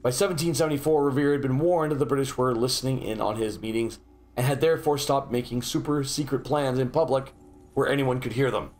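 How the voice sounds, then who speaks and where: A man's voice: mid-range voice, fairly quick, a little mellow. Joking man streaming a game. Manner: joking, sarcastic asides while reading lore. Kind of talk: casual gameplay commentary.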